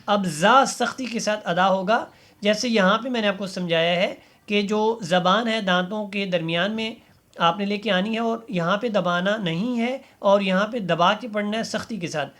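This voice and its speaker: A man's voice: sits high, fairly bright tone. Patient man teaching letter recitation. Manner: slow drawn-out letter recitation between explanations; patient instructive tone, asks learners to repeat. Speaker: Quran reading teacher. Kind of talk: step-by-step recitation lesson.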